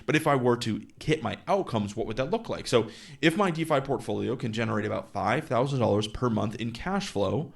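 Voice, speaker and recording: Animated and fairly quick, a gravelly mid-range voice comes from an investing channel host in his thirties. He talks casually through his investing goals, thinking aloud with fillers and playing out quoted dialogue with clients.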